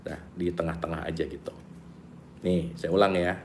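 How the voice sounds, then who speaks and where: A man's voice: deep voice, fairly even intonation, normal speed. A middle-aged man leading a casual book study, reading passages and then explaining them in a chatty, playful way, repeating key lines and acting out little everyday scenes.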